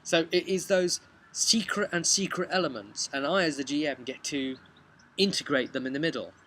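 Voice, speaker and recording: Traffic noise fills this outdoor vlog, where a young adult with a British accent tells the story of a tabletop session he game-mastered, seated on a bench next to a brick house. His voice is fairly high and sharp, relaxed and chatty, punctuated by emphatic pauses and tag questions.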